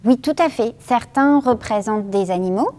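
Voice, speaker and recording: A woman guiding a children's museum tour, explaining clearly and kindly. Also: a little high, animated, normal speed, darkish tone, slight background noise. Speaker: museum guide.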